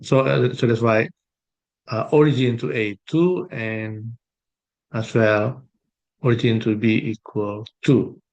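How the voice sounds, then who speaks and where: A man working through an exam problem as a math tutor, thinking aloud with pauses and fillers. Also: mid-range voice, fairly even intonation, highs cut off. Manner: slow, hesitant, thinking aloud while sketching. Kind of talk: exam solution walkthrough.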